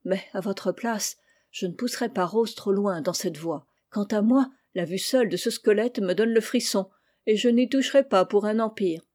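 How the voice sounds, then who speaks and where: A woman's voice: mid-range voice, normal speed, darkish tone, natural voice. A woman voicing a gloomy, fretful old aunt in an audiobook reading, speaking in a lugubrious, plaintive way. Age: older.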